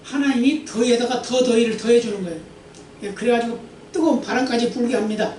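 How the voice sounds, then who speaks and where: A man's voice: very high voice, fast talker, darkish tone, slight background noise. A man preaching a Sunday sermon as pastor, reading scripture aloud and explaining it with rhetorical questions to the congregation. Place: church sanctuary. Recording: echoey church hall, mic at a distance.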